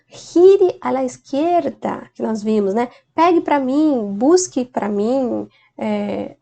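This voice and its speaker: A woman's voice: on the high side, warm tone. A woman teacher explaining grammar in a video lesson, often checking in with "né?". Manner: explains patiently with frequent "né?" checks. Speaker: Spanish teacher.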